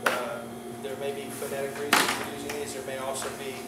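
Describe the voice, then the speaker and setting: A man, a pastor, teaching an informal Greek class, talking in a halting way with many fillers and restarts and joking with his students. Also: mid-range voice, completely flat delivery. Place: church classroom. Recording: roomy, distant classroom recording with faint hiss.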